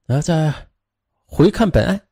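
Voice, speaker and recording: Male true-crime storyteller, husky voice, animated delivery, chatty asides. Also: on the high side, measured pace. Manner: lively, with frequent fillers and moralizing asides. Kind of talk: dramatic crime story narration.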